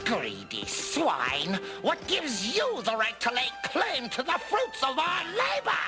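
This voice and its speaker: An actor voicing a furious male villain knight in a 1980s cartoon, who is always yelling and shouting in rage. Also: very high-pitched, huge pitch swings, slow pace, heavily acted. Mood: enraged. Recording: cartoon clip with music behind.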